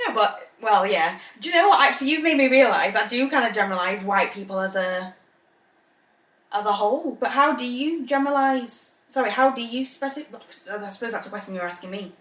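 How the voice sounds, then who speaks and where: A Zambian woman co-hosts a podcast in casual chat, thinking aloud, restarting her sentences, and laughing easily. Her voice is fairly high, animated, brisk, and a bit bright. She sounds far from the mic, slightly off-mic in an echoey room.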